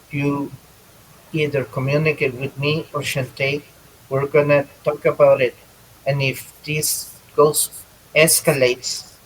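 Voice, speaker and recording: A man co-hosts a casual podcast at an unhurried, halting pace, leaning on ums and restarts. His voice sits a little high for a man. Faint ambient noise hangs behind him. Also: rough recording. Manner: slow, halting, many ums, switches into Spanish to repeat points. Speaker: podcast co-host. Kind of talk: casual bilingual podcast chat.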